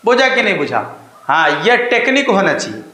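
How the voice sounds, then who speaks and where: A man's voice: high-pitched, sing-song, pushed and bright, roomy sound, rough recording. Emphatic Bihari man teaching math. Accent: Bihari Hindi. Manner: emphatic, coaxing, drawn-out questions to students. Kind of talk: online math lesson.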